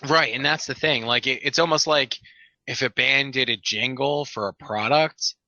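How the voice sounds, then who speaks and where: A man's voice: medium pitch, moderate pace, sharp tone. A man co-hosting a casual album review podcast, agreeable and steering the talk with questions. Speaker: podcast co-host. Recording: dry, dull lo-fi mic.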